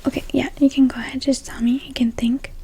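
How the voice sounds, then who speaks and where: A woman in a whispered ASMR role-play as a librarian, whispering softly and a little hesitantly as if to a visitor in a library. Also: high voice, level tone, fast talker, creaky, husky. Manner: soft whispering, hesitant, gently attentive to an imagined visitor.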